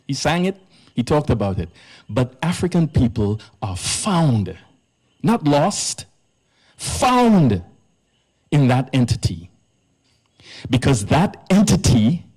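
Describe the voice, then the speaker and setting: A man delivers a public talk as a priest, speaking at an unhurried, measured pace. His voice sits at an ordinary middle pitch, and he leans hard on the words that matter. It is an earnest lecture given live at an arts centre. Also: a little mellow, slightly rough. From Trinidad. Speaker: priest giving a presentation.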